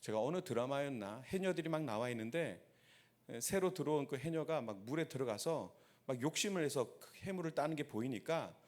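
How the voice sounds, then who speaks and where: A man's voice: mid-range voice, lively intonation, brisk. Pastor, male, mid-range voice, preaching a sermon to his church and drawing listeners in with questions. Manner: storytelling with rhetorical questions to the congregation. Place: church sanctuary.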